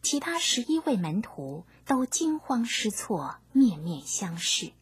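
A woman narrating a scripture story, reading gently in a half-whispered way. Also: a little high, sing-song, takes it slowly.

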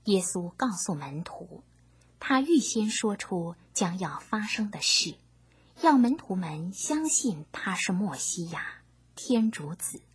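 Woman narrator, gentle half-whispered scripted reading, breathy, lively pitch. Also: slow pace, no room sound.

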